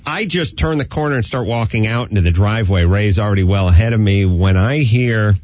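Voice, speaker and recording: A man's voice: on the low side, a little fast, a little mellow, lo-fi sound. A man hosting a radio show, rambling through a childhood story with digressions. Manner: rambling, digressive, laughs while telling. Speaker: radio host. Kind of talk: casual storytelling on air.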